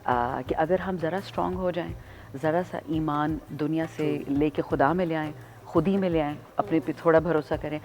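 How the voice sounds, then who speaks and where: A woman from Pakistan, a politician, chatting as a guest in an interview, freely mixing Urdu and English in an animated, self-mocking way. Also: sits low. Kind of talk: casual interview chat.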